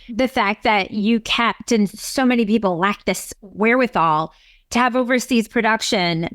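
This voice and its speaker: A woman's voice: mid-range voice, dry recording, clean studio sound. A woman hosting an interview, chatty and enthusiastic, asking long rambling questions and affirming often. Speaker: podcast host, interviewer. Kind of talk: conversational interview.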